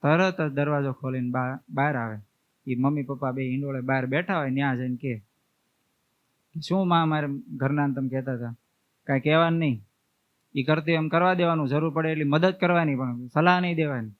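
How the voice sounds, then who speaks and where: Brief: male preacher, fairly high voice, folksy storyteller, narrow phone-like audio. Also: steady tone, brisk, dry recording. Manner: homely storytelling, acts out family members' words. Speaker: swami preacher. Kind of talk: storytelling sermon. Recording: tinny, phone-like dry sound.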